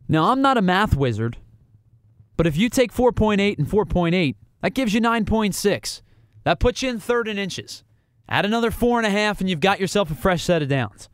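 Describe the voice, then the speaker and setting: Solo on his sports podcast, a fairly high-voiced male host works through his analysis in an emphatic, escalating monologue. Rhetorical questions and repeated points carry his argument, and the audio is dry and close with no room sound.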